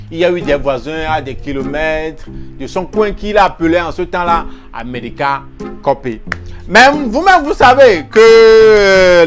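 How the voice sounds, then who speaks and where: A comic storyteller spins a mock history in a high, bright-pitched voice. He talks animatedly, repeating words and imitating local for laughs, while music plays clearly underneath. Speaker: comedian telling a mock history.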